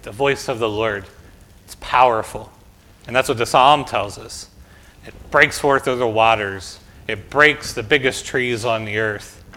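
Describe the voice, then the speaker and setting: A male pastor reading scripture and giving a gentle children's message, asking questions and often adding "right?". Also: medium pitch. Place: church sanctuary.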